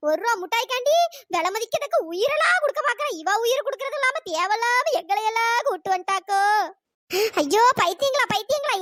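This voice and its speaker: A voice actor voicing an exasperated older village sister in a cartoon story, scolding and weary, with a pitch-raised voice. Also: pushed and bright, no echo, heavily acted.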